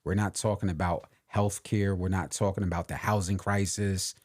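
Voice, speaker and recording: A man's voice: deep voice, level tone, moderate pace, darkish tone. A man co-hosting a podcast, speaking in an opinionated, emphatic way and repeating his points for weight in casual conversation. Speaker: podcast co-host. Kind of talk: casual political and hip hop chat.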